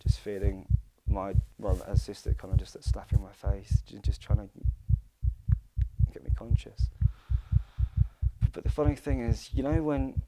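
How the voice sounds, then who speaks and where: A man giving a halting personal account in a documentary interview, pausing and searching for words. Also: lowish voice, heavy background noise. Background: music playing softly.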